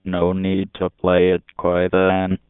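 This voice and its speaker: A man's voice: deep voice, monotone, takes it slowly, clean tone, no room sound. A man putting on a leering British charmer. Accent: put-on British. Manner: bawdy, leering, full of British slang. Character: pushy, lewd adult British man. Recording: tinny phone-like sound.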